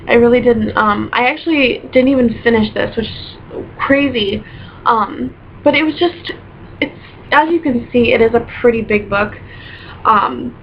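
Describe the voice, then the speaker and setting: A woman's voice: on the high side, a little hiss or hum. Gushing young woman, lo-fi webcam sound. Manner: chatty, gushing, stacks repeated words for emphasis. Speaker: book vlogger. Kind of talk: casual book review vlog. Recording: dull lo-fi webcam audio.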